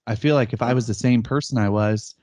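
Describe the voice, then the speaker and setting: A man's voice: medium pitch, brisk, darkish tone, dry recording, clean studio sound. A man in his thirties co-hosting a podcast, telling stories in casual chat and laughing often as he acts out quotes. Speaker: podcast co-host. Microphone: remote call setup.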